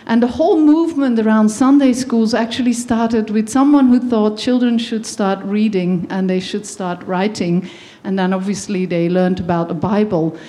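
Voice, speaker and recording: A woman from Belgium speaks earnestly about faith and education. Her voice is mellow and warm, at a middle pitch, and she pauses often with ums and small restarts. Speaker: guest speaker. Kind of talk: faith-based talk on education.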